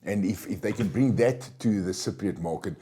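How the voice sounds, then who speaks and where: A man's voice: on the low side, moderate pace, warm tone. A man, guest in a casual podcast chat, rambling and repeating himself. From South Africa. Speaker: guest, supplement business owner.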